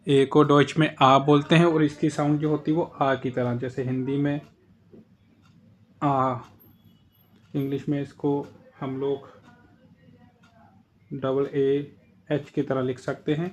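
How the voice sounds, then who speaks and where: A man's voice: medium pitch, level tone, unhurried, slight background noise. A man with an Indian accent teaching a casual lesson, patiently explaining and repeating the example words. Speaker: German language teacher.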